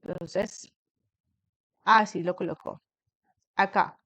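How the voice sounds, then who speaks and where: A woman teacher explaining a class assignment to her students in a patient way, reading English example sentences slowly and carefully. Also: on the low side, steady tone, a bit bright, slightly rough, no echo, low-quality recording. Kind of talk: recorded online class explanation. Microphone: computer screen recording.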